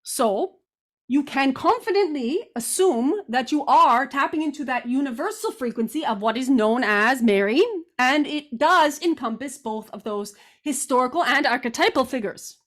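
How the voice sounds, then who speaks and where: A woman channeling guidance like a seance medium, with formal, deliberate, stilted phrasing. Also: high-pitched, animated. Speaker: trance channeler giving guidance.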